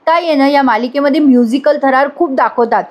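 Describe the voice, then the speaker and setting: A chatty woman recaps a TV serial episode in a voice-over, addressing her viewers directly as she goes. Her voice sits a little high. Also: fairly quick, darkish tone. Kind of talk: casual episode recap narration.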